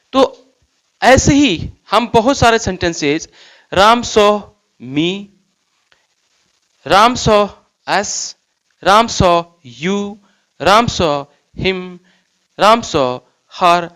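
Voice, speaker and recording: A man teaching grammar in Hindi, asking and answering his own questions and reading the examples slowly. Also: high-pitched, a bit bright. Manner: slow, deliberate reading of English example sentences. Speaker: English teacher.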